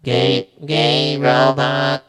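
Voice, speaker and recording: A man's voice: on the high side, monotone, very slow, a bit bright. A man talking through a metallic robot voice changer, joking around as a crude robot on a comedy podcast. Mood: deadpan robotic. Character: goofy crude male robot. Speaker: podcast co-host. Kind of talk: casual comedy podcast banter.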